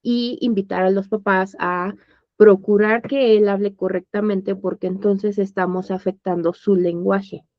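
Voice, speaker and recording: A woman's voice: mid-range voice, steady tone, measured pace, dry recording. Mexican woman, online course instructor; conversational, checks in with her class; muffled, dry recording. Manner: conversational, checks understanding with tag questions. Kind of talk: informal online lesson. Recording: dull, dry lo-fi audio.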